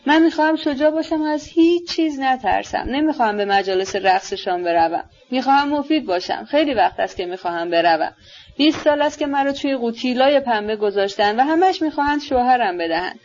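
A woman's voice: high-pitched, lively intonation, a little mellow, highs cut off. A woman reading as a headstrong proud young woman. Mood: fervent, defiant. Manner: passionate, emphatic, defiant.

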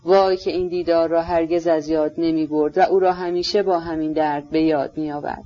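Steady audiobook narrator, lo-fi. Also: medium pitch. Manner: steady, measured literary reading. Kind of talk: scripted novel narration. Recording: slightly dull lo-fi recording.

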